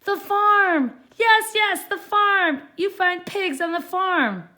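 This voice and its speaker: A woman voicing a greedy witch who shouts in a shrill, excited voice while reading a storybook aloud. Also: slow pace, exaggerated voice. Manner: excited exclamations. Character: screechy greedy witch, female, hungry for pig pie.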